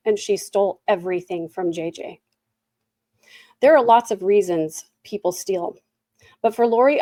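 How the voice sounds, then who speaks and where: A woman reads a prepared victim impact statement in a solemn, deliberate, accusatory manner with emphatic repetition. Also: mid-range voice, dark tone, dry recording, clean studio sound. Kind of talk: prepared statement read aloud.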